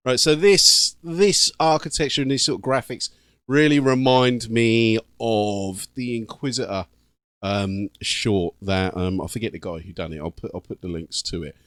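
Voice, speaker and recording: A man's voice: lowish voice, fairly even intonation, moderate pace, fairly bright tone, no room sound, clean studio sound. British man giving casual reaction commentary. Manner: informal, slangy. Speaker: YouTube gaming channel host.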